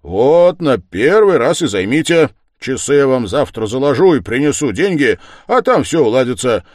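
A man voicing a frantic, devoted young male friend who exclaims loudly in a raised voice. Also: medium pitch, normal speed, no echo, clean studio sound, voice pushed up. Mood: excited. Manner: loud excited exclamations.

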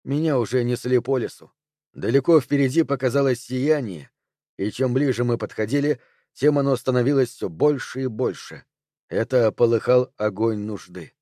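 A man reads a fantasy novel aloud in a measured, even storytelling manner. His tone is mellow and dark. The recording is dry and close, with no room around him. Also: mid-range voice, no room sound. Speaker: audiobook narrator. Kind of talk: scripted narration.

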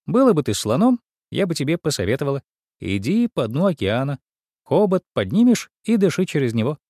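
Man doing a squeaky bossy mouse lady. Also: big pitch swings, a little fast, warm tone, no echo, studio quality. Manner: bossy, fussy. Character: bossy chatty big female mouse. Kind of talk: storybook reading.

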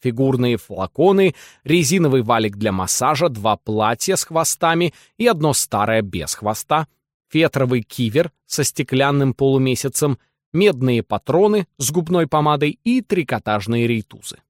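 A man narrating a literary novel as an audiobook, in a lively, ironic storytelling manner. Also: mid-range voice, normal speed, no echo, studio quality.

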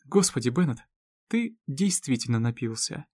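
A man voicing Lizzie, a caring, sharp-tongued woman, in a raised, teasing and scolding voice. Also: medium pitch, big pitch swings, moderate pace, slightly rough, no room sound, clean studio sound. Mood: chiding, caring.

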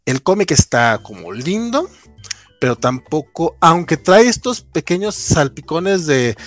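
Mexican man, casual comics talk, rambly, slightly high voice, music under. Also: sing-song, measured pace, dry recording. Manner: rambling with many fillers. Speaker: comic book reviewer. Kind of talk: casual livestream chat. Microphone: remote call with lag.

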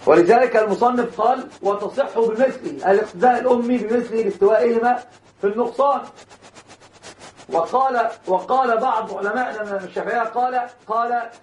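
High-voiced sheikh lecturing. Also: male voice, a little fast, a little hiss or hum. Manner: repeats and restarts words, acts out mispronunciations; addresses students directly, chuckles now and then. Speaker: sheikh teaching Islamic law. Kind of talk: classroom religious lecture. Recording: roomy, dull lo-fi lecture recording.

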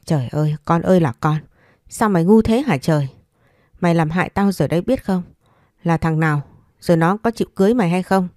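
A woman's voice: lowish voice, fast, a little mellow, dry recording, studio quality, lightly acted. A woman voicing a harsh rural mother who scolds and threatens in a story reading. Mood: furious.

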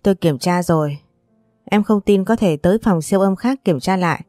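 A woman's voice: lowish voice, normal speed, warm tone, no echo, clean studio sound, soft background music, lightly acted. A woman voicing a blunt, weary middle-aged doctor in a story, speaking matter-of-factly. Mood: curt.

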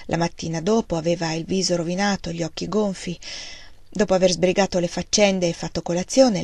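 A woman narrating a novel aloud in a calm, steady reading voice. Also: on the low side, no echo. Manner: calm, steady, rising tension in dramatic passages. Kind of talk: audiobook reading.

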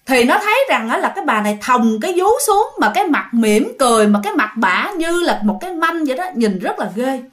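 Woman, ghost story narration, high pitch, very lively intonation, chatty. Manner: chatty, often addresses listeners directly.

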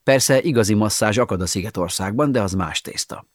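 A man's voice: on the low side, no room sound, studio quality. A man narrating an audiobook in a wry, ironic storytelling manner, with sighing asides.

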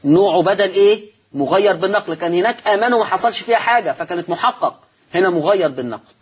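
A male teacher with an Egyptian accent leads a televised recitation lesson in a deeply husky, breathy voice. He breaks each rule into small steps, asking a question and answering it himself. He keeps returning to the same key terms so his listeners can write them down. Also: animated, rapid-fire. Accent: Egyptian Arabic. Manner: explains step by step, repeats key terms, asks and answers his own questions.

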